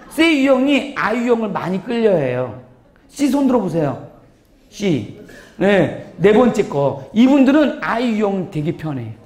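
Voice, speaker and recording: A man giving a lively church seminar lecture, playful, acting out examples in funny voices and laughing often. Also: high-pitched. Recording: echoey hall.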